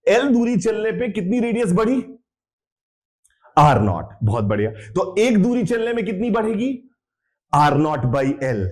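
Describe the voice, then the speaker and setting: A man teaching physics. He drills students with repeated questions and throws in blunt, scolding asides. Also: high-pitched. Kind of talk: live online lecture.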